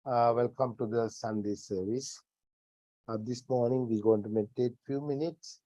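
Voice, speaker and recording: A man hosting a service with informal announcements in halting, hesitant phrasing, on a dull lo-fi recording. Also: mid-range voice, fairly even intonation, mellow, dry recording. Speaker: service host. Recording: dull, lo-fi sound.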